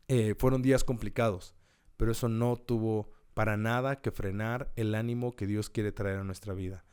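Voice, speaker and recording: Man, podcast host, devotional talk, earnest, encouraging, mid pitch, builds emphasis by repetition. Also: a little mellow, clean tone. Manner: earnest, encouraging, repeats key words with rising emphasis; occasional restarts and self-corrections.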